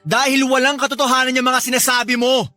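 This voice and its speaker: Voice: sits high, little pitch movement, fast, bright, forceful tone, soft background music. An exasperated, defensive husband. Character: exasperated husband caught in an affair. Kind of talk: radio drama acting.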